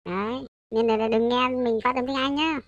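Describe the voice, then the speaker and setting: On dull-sounding audio, a woman with a fairly high voice talks at normal speed with fairly even intonation. Her casual coding tutorial is loose and halting, with self-corrections and repeated check-ins with the people listening.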